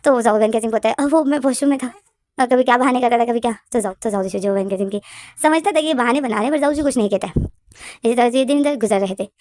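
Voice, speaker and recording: A woman's voice: on the high side, very fast, darkish tone, no room sound, studio quality. A woman casually retelling a drama plot, rambling along with many repeated fillers and restarts. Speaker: storyteller.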